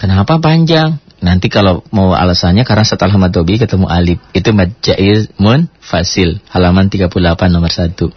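A man leads a recitation lesson. He stretches single syllables slowly and repeats them again and again, then breaks into quicker explanations. The voice is dry and close, with a dull, lo-fi radio sound. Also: low-pitched, breathy edge, dry recording. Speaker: Quran recitation teacher. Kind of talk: tajwid lesson with demonstrated recitation.

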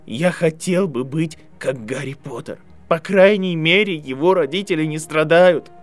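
A man reading an audiobook, voicing a desperate boy whose voice trembles as he pleads and shouts. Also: a little high, a little slow, soft background music, voice pushed up, lightly acted. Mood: bitter. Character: desperate boy, son of prisoners.

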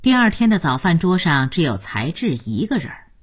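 A woman narrating a serialized novel in an expressive storytelling style. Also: on the low side, normal speed, slightly rough, faint music behind. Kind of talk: storytelling broadcast.

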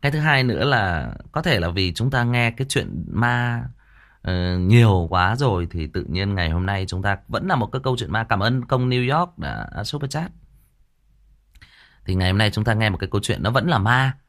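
On his story channel's livestream, a man from Vietnam, who also narrates audiobooks, chats loosely about a story, rambling and repeating words as he looks for the next one. He speaks at normal speed in a fairly low, expressive, fairly bright voice.

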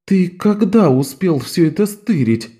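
A man voicing a bossy, sharp-tongued young girl thief who leads a gang of boys, scolding and commanding. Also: high-pitched, lively intonation, unhurried, pitched above the performer's own voice. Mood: exasperated.

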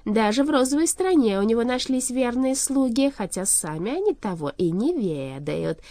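A woman reading a storybook aloud, voicing a cold, gloating male shadow king who speaks slowly, loudly and lordly. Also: fairly high pitch, sing-song, dry recording, voice pushed up. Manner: slow, loud, lordly.

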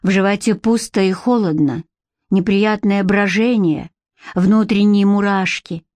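A woman reads an audiobook in a calm, expressive way at an ordinary mid pitch. Her voice is recorded close on a studio mic with a dry, roomless sound. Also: a little slow, dry recording. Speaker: audiobook narrator. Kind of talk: scripted narration.

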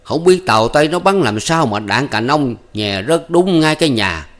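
A man's voice: fairly high pitch, animated, normal speed, pitched above the performer's own voice, close to an everyday voice. A man doing an older village notable, coaxing.

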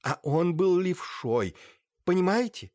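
A courteous baron delivers grave news in measured, slowed phrases, as a man narrating plays him. His voice is lively in pitch and the recording is dry. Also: dry recording, full character voice. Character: polite aristocratic baron, grave and deliberate.

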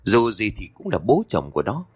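A man voicing gossiping village neighbors who judge a family in quick, tutting talk. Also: lowish voice, huge pitch swings, slightly rough, dry recording, exaggerated voice. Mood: reproachful. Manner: brisk, tutting.

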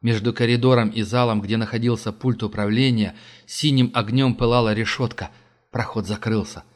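A man reading a novel aloud as an audiobook narrator, in a measured, steady way. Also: medium pitch. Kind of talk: scripted narration.

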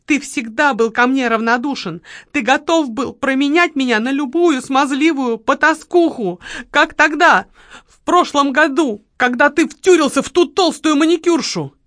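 A woman's voice: on the high side, sing-song, a little slow, hardly any pauses, fairly bright tone, no echo, studio quality, exaggerated voice. A woman reading an audiobook, voicing a hysterical young woman who shrieks and whines. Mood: shrill accusing. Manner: shrieking, whining.

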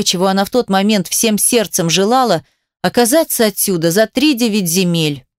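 A woman narrates an audiobook in a measured, expressive reading. Her voice sits at a middle pitch. The recording is dry and close, with no room sound. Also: dry recording. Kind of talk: scripted narration.

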